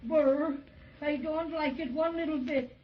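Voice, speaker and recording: Plucky little stuffed bear, high and blustery, old dull radio sound. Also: female voice, fairly even intonation, measured pace, a little hiss or hum. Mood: plaintive. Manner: blustery, exclamatory. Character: small talking stuffed toy bear, plucky and huffy. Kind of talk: 1930s children's radio serial acting. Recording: dull 1930s radio transcription recording.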